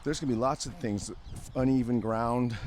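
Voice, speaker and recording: An older man calmly explaining an exercise while he demonstrates it, talking through the movement step by step. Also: medium pitch, normal speed, slight background noise. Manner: calm, explanatory, thinks aloud between movements. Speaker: fitness coach.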